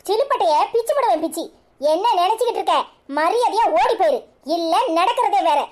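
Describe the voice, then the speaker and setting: A woman's voice: extremely high pitch, lively intonation, brisk. A woman voicing a fierce cartoon sister-in-law, hurling insults in a Kanyakumari Tamil accent. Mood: threatening. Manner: scornful, shouting insults. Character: fierce woman defending her brother's wife. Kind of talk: cartoon serial voice acting.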